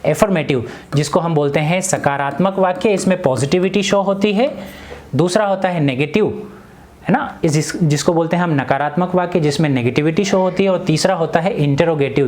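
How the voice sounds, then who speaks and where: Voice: mid-range voice, moderate pace, a little mellow. An English teacher explaining grammar in Hindi, asking questions and answering them himself, with repetition drills.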